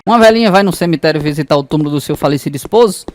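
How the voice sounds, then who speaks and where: Um homem com sotaque nordestino brasileiro conta piadas num tom popular e arrastado nos desfechos. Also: male voice, a little high, very fast, crowd noise, background noise. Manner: folksy joke-telling, drawling punchlines. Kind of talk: scripted joke narration.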